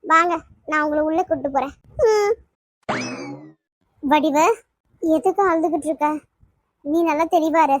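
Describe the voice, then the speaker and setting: A woman's voice: sits high, a little slow, long pauses, no echo. A woman voicing a caring, firm young woman who soothes and reassures her friend in a cartoon. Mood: soothing. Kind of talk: cartoon voice acting.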